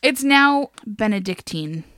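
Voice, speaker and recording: Young woman podcast host, bright, dry close mic, casual storyteller who laughs and swears. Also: mid-range voice, lively intonation, slow pace, no echo. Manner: laughs often, swears, chatty. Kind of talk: casual chat, telling a biography.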